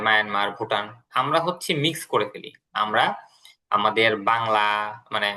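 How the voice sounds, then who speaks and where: A man's voice: mid-range voice, bright, forceful tone. A man teaching English vocabulary and pronunciation in an online class, explaining step by step and repeating his pointing phrases.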